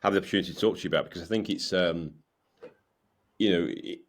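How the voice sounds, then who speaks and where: This podcast host from the UK speaks quickly in a low voice. As he interviews his guest, he often repeats words and stammers through repeated restarts of his questions.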